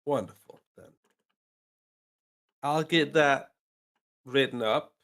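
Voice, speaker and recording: A man running a tabletop game at an ordinary, medium pitch. He narrates loosely and teases his players, with plenty of "uh" and "like" along the way. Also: slow, a bit bright. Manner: loose, teasing, filler-heavy. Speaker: game master.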